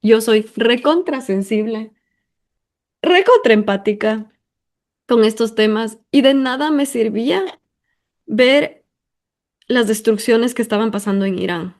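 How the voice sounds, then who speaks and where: A woman's voice: on the high side, measured pace, pauses often, darkish tone. A woman from Ecuador, hosting a personal monologue in an emphatic, talkative way full of intensifiers and fillers. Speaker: podcast host.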